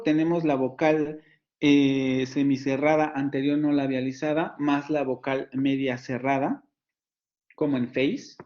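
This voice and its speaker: A man's voice: mid-range voice, darkish tone. Mexican man lecturing on phonetics, muffled. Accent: Mexican Spanish. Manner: explanatory, repeats example words slowly, frequent fillers. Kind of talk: online lecture to students.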